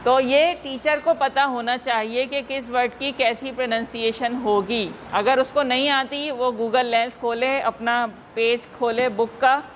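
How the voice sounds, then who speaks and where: A woman from Pakistan leading a teacher-training workshop, slowly modelling words and quizzing the class. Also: a little high, slight background noise, low-quality recording.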